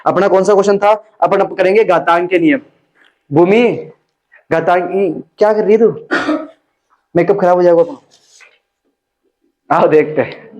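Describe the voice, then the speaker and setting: A man's voice: sits high, unhurried, pauses often, a little mellow. A young man teaching a maths class and joking with his students. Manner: teasing and chatty with students. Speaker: maths tutor. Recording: dull lo-fi classroom audio.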